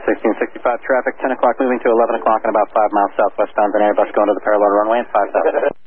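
A man's voice: fairly low pitch, flat delivery, rapid-fire. A man working as an approach air traffic controller, giving clipped instructions over an aircraft radio with static. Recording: narrow radio band with faint static.

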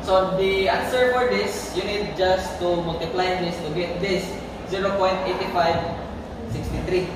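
A man's voice: high-pitched, fairly even intonation, a little slow. A young man explaining a navigation calculation step by step at a whiteboard. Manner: stepwise, reads figures off the board. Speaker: maritime cadet presenter. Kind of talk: whiteboard math lesson. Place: classroom at a whiteboard. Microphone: far camera. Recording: echoey room from far off, noisy.

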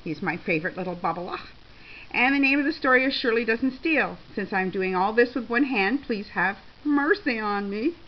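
A woman reading a short story aloud in a lively, expressive way. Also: on the high side, normal speed. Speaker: reader. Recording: slightly dull with faint hiss.

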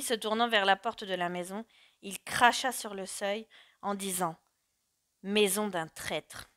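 Woman reading an audiobook, measured and dramatic, mid pitch. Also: a bit bright, dry recording, clean studio sound. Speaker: narrator. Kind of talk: audiobook narration.

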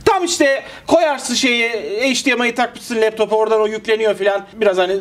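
A man's voice: sits high, steady tone, a little fast. A man debating in a comic mock debate, melodramatic and acting offended.

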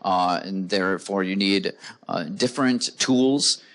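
A man's voice: sits low, measured pace, fairly bright tone. A man speaking as a guest in an onstage conference interview, explaining in long runs full of "uh" fillers, into a handheld mic. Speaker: guest, company co-founder. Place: conference stage before a live audience.

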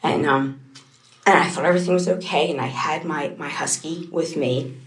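A young woman questioned by police in an interrogation room, recounting a night at home in a halting, distraught way. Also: deep voice, roomy sound, a little hiss or hum. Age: young adult. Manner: halting and distraught, voice rising as she talks. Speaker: suspect under police questioning.

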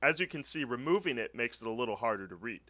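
Bright, lively male tutorial voice. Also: mid-range voice, fast. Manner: clear step-by-step instructional. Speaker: tutorial narrator. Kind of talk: scripted screen-recording walkthrough. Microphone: voice-over.

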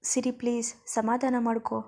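A woman voicing an anxious young husband who urgently tries to calm his wife. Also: on the high side, normal speed. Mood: soothing. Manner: soothing, urgent.

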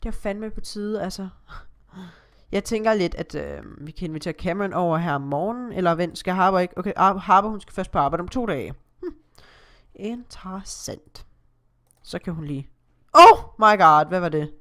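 Chatty Danish woman narrating her gameplay. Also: fairly low pitch. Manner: chatty, exclaims and gasps often. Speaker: Let's Play gamer. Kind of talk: casual gameplay commentary.

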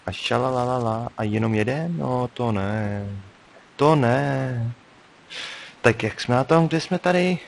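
A young man offers casual, chatty commentary as he plays a game, frequently muttering to himself. His voice is medium-pitched and creaky, and the poor-quality audio carries a faint hiss.

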